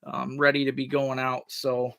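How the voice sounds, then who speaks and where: A man's voice: mid-range voice, completely flat delivery, moderate pace, creaky, bright, forceful tone. A man hosting a livestream, chatting casually with viewers in a folksy, rambling way. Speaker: livestream host.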